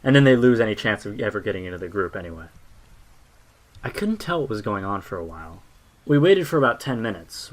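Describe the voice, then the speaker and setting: A man narrating a horror story in a low, hushed voice with dark asides.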